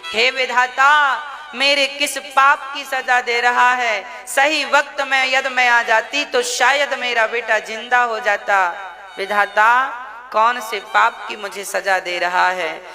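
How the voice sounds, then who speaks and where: A man voicing a grieving mother's soft lament. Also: very high-pitched, steady tone, slow pace, exaggerated voice. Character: grieving mother, a fallen queen, desperate and pleading. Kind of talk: sermon storytelling. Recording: long hall reverb, violin music behind.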